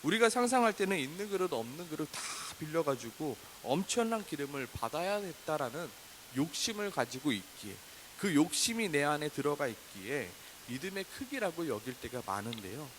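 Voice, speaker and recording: A man in his thirties preaching a sermon, animated and acting out complaining prayers in a raised voice. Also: fairly high pitch, brisk, rough recording. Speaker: pastor. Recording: faint hiss.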